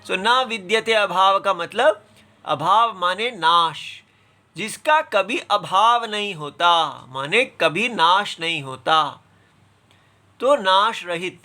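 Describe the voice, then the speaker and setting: Very slow, bright-voiced male scripture teacher. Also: high-pitched, animated. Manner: patient, breaks words apart syllable by syllable; recites verses in a slow chant. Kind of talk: slow explanatory scripture lesson.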